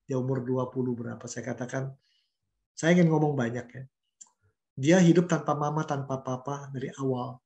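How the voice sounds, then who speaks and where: A man's voice: mid-range voice, steady tone, moderate pace. An older man with an Indonesian accent, a pastor preaching and leading prayer in a chatty, conversational way. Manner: warm conversational preaching with asides. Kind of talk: sermon and prayer.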